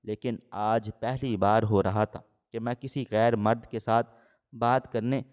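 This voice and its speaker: A man narrating a scripted story in the first person, with a steady, measured reading. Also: on the low side.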